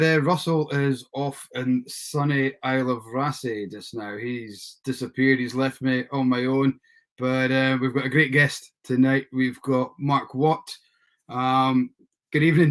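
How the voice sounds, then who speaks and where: Male Scottish host, mid-pitched, informal and conversational, hesitant delivery. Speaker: livestream host. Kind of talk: casual hosting chat.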